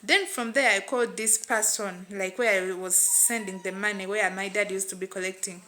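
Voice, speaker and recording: Bright Ugandan woman telling a story. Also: mid-range voice, steady tone, moderate pace. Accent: Ugandan English. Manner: repetitive, plain retelling with "what and what" fillers. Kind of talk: first-person storytelling.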